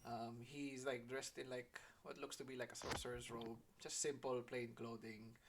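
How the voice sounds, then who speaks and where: Flat-voiced man over background noise. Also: mid-range voice, moderate pace. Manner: relaxed, filler-heavy. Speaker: player. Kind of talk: describing his character in a tabletop game.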